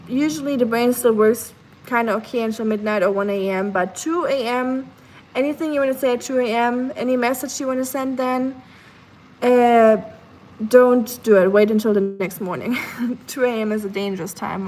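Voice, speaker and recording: A sleepy young woman streams live from her home kitchen, reading chat messages aloud and talking in a chatty, relaxed way full of fillers. She speaks at normal speed in a fairly high voice. The recording is low quality, with slight background noise.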